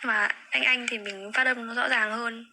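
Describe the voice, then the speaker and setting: Young woman, phone livestream host, chatty, slightly high voice, audible background noise. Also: fairly even intonation, moderate pace. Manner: chatty, repeats words while searching for them. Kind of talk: casual livestream chat.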